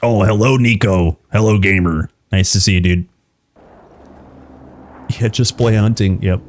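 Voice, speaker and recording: A man's voice: on the low side, fairly even intonation, unhurried, slight background noise. A man streaming a video game, chatting casually, laughing often and telling jokey family stories. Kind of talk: casual gameplay commentary.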